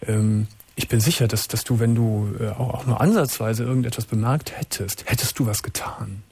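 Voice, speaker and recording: A middle-aged man hosting a late-night call-in show, speaking gently with frequent stammered restarts. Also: medium pitch, steady tone, moderate pace, slightly rough, no room sound. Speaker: radio call-in host. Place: dim studio. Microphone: headphones, studio mic.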